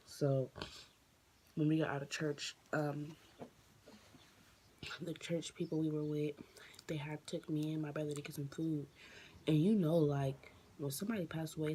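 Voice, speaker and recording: A woman telling a personal story on her vlog, emotional and near tears, halting with many fillers and restarts. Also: sits low, dark tone, slight background noise. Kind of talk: casual storytime monologue.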